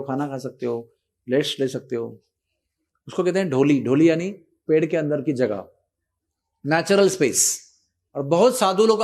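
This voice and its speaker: A man telling a devotional story in a sermon, animated and switching between Hindi and English. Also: fairly high pitch. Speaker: spiritual teacher.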